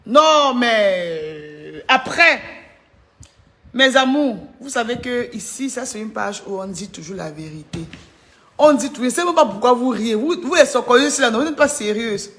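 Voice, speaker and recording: A woman's voice: a little high, animated, normal speed, fairly bright tone. A woman doing mocking gossip commentary on a live stream, teasing and laughing as she chats to viewers. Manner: teasing, laughing often, chatty asides to viewers.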